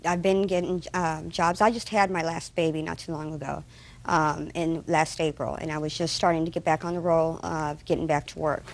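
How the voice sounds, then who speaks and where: A woman's voice: low voice, flat delivery, moderate pace, gravelly. A woman of about thirty-one answering questions as a litigant in a TV court. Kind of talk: courtroom testimony.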